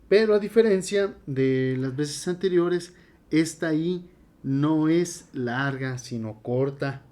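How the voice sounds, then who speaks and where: Relaxed man teaching at a board. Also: medium pitch. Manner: relaxed, conversational, with many fillers. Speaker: Latin teacher. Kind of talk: casual classroom lecture at a board.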